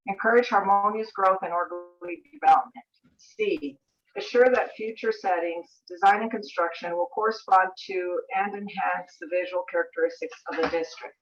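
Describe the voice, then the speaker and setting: A woman's voice: on the low side, fairly bright tone, highs cut off, slight background noise. An American woman chairing a public board meeting, formally reading out procedure and agenda items into a meeting room mic. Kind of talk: formal meeting procedure, partly read aloud.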